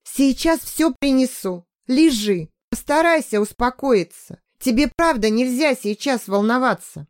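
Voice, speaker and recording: A woman reading an audiobook, voicing a gentle middle-aged woman doctor who softly coaxes and calms a captive girl. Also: high-pitched, unhurried, few pauses, pitched above the performer's own voice. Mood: soothing. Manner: soft, soothing, coaxing.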